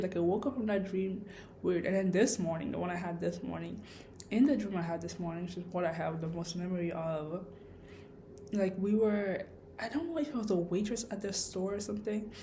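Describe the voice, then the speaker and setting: A woman's voice: lowish voice, normal speed, dark tone, a little hiss or hum. A woman vlogging a personal story in a casual, rambling, reflective way, with a lisp from wearing retainer-like aligners. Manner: rambling, reflective, self-questioning.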